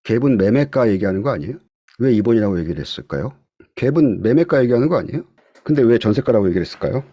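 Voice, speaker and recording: A man teaching a real estate class over a video call, his pitch leaping up and down as he fires questions at his students. His delivery swings between loud, pressing stretches and soft asides. The sound is dry and close, with no room around it. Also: breathy edge, dry recording, dull audio. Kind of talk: online lecture to students. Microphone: computer mic on a video call.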